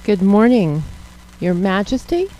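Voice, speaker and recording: A woman's voice: medium pitch, sing-song, measured pace, warm tone, no room sound, low-quality recording. A woman speaking as a guest co-host in an upbeat conversational style.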